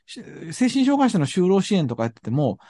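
Kansai man, lively rising-and-falling pitch, dry close sound, ponders as he talks. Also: a little fast, dry recording. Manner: thoughtful, searching for words. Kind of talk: reflective discussion.

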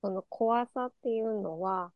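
A soft-spoken woman taking part in a reflective discussion, agreeing and sharing her thoughts. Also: mid-range voice, a little slow, dry recording. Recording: dull lo-fi dry sound.

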